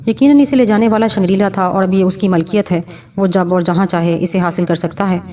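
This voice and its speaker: Grave honest tribe chief, woman reading him, mellow voice, mic a bit far off. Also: medium pitch, fairly even intonation, close to an everyday voice.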